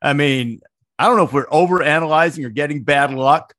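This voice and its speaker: A middle-aged podcast co-host chats casually about college football, his voice a little high, a little fast, and fairly bright. The recording is clean studio sound with no room noise, and he rambles and digresses with many restarts.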